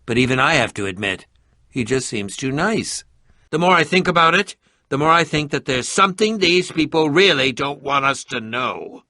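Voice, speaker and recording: In clean, dry studio audio, a man with a medium-pitched, bright, pushed voice plays a pompous, irritable, middle-aged eccentric adventurer and potion maker in a video game. His animated delivery at normal speed is dramatic, sardonic, and fussy, with a wary, uneasy mood.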